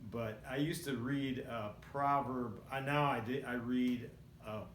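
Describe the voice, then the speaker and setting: A roomy, echoing recording with faint noise carries the voice of a man in his sixties. He speaks at an average pitch in a casual vlog style. His delivery is reflective and rambling, with halting stops as he gathers his thoughts. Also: fairly even intonation. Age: 60s. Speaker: vlogger. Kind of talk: casual personal storytelling to camera.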